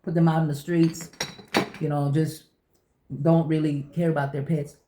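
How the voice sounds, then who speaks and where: A woman's voice: sits low, flat delivery, normal speed, background noise. A woman chatting casually and telling personal stories in an emphatic way, repeating phrases to drive her point home. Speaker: vlogger. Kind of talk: casual chit-chat storytelling. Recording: echoey room.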